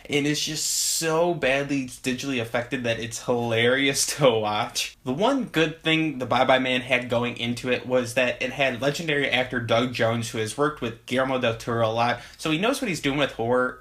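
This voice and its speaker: A man's voice: mid-range voice, a bit bright. A young man giving a casual video movie review, sarcastic and laughing while he talks.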